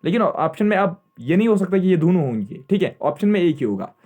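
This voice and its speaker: Young guy teaching exam prep, pretty high voice, keeps repeating stuff and asking then answering his own questions. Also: very animated, fast talker, darkish tone. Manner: repetitive, checks in with "theek hai" constantly; quizzes students and answers himself.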